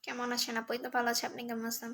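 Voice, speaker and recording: A woman's voice: on the high side, completely flat delivery, quick pace, pushed and bright. Chatty young-sounding woman hosting a live stream. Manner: chatty, answers viewers directly. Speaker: live-stream host reading viewer comments. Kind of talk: casual live-stream chat.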